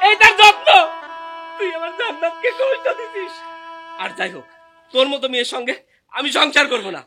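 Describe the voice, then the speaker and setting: A man's voice: extremely high pitch, wildly swooping pitch, a little fast, sharp tone, heavily acted. A man playing an anguished, furious son over music. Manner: emotional, pleading then scolding, cries out. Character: anguished son, angry at his wife. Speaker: son working abroad. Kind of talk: melodramatic short drama acting. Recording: music underneath.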